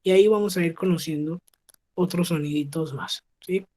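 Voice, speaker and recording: On a video call, a patient English teacher from Colombia walks her online class through pronunciation. Her voice sits on the low side with a darkish tone and moderate pace, and she checks understanding with a frequent "¿sí?".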